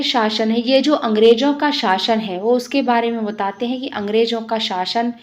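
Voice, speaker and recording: A woman teacher explaining a Hindi poem line by line, reading each verse slowly and then putting it in plain words. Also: fairly high pitch, darkish tone.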